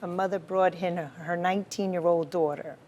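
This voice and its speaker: A woman doctor answers interview questions in a somewhat low voice. She explains her cases with steady confidence and keeps affirming with a quick "right.". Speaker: physician, guest.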